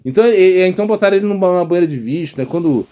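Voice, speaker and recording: A man with a Brazilian Portuguese accent, a monk giving a storytelling religious talk, animated and acting out voices from the story with many fillers. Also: sits high, rapid-fire, lo-fi sound. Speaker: monk and spiritual teacher.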